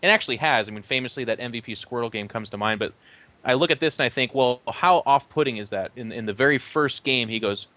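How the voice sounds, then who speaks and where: A man's voice: mid-range voice, quick pace, dry recording. Man hosting a casual esports chat. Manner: animated, asks the panel questions. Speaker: show host.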